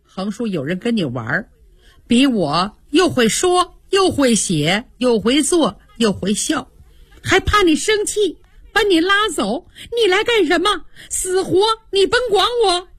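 A woman voicing a quick-tempered, sulky young noblewoman who speaks in a petulant, cutting way, in a radio storytelling. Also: high-pitched, sing-song, no echo, studio quality. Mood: tearful reproach.

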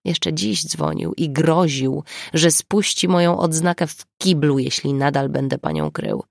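A woman voicing a gruff, wry male police inspector in an audiobook, blunt and sardonic. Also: sits low, animated, a little slow, no echo, studio quality, exaggerated voice.

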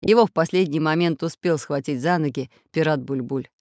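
A woman narrating a children's storybook in an expressive, animated reading voice. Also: sits low, fairly quick, dry recording, clean studio sound.

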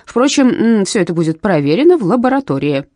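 A woman reading aloud, voicing an excitable, scheming male canal worker who draws out his exclamations. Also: medium pitch, no room sound, studio quality, pitched above the performer's own voice, lightly acted. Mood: coaxing. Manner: wheedling, drawn-out exclamations.

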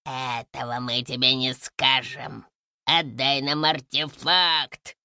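A greedy, spiteful rat, as a man puts her on, growling gravelly words very slowly. The tone is sharp and bright and jumps unpredictably. It sounds dry and close to the mic. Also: mid-range voice, level tone, no echo, pitched below the performer's own voice, exaggerated voice. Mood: menacing.

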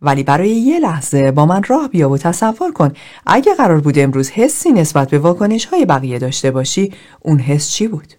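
Woman reading a gentle male therapist: soft, coaxing, patient, lively delivery. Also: low voice.

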